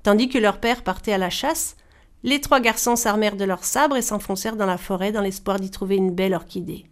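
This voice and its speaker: A woman storyteller reads a folktale aloud in a measured, expressive way, giving the characters animated voices. Her voice is mid-range.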